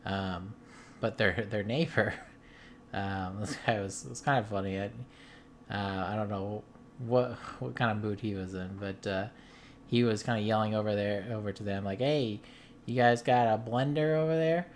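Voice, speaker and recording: A man's voice: on the low side, steady tone, moderate pace, a little hiss or hum. A man from the US Midwest, a game-collecting vlogger, telling a story in casual chat, rambling with lots of ums and restarts. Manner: amused storytelling.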